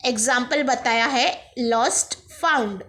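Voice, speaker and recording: A woman's voice: a little high, sharp tone. A woman teacher with an Indian accent, giving an English lesson to young pupils, spelling words letter by letter and explaining in Hindi mixed with English. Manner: reads the poem very slowly, then explains quickly in Hindi mixed with English. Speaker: school teacher.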